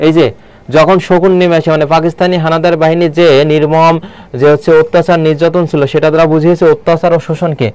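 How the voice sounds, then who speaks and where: A man teaching a live online Bangla lesson, keeps asking the viewers questions and slows down to read poem lines aloud. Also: a little high, level tone, a little mellow, smooth. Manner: quizzing viewers with repeated questions.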